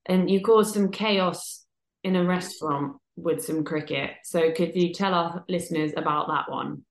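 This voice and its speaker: Woman, podcast host, conversational questions, lowish voice, echoey room. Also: a little slow. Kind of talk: interviewing a guest.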